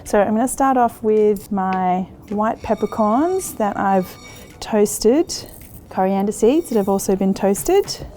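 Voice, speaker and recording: Over music, a woman with a mid-range voice and lively intonation speaks slowly as she demonstrates a recipe on her cooking show. She's Australian, in her thirties, relaxed and encouraging, and laughs easily while going step by step.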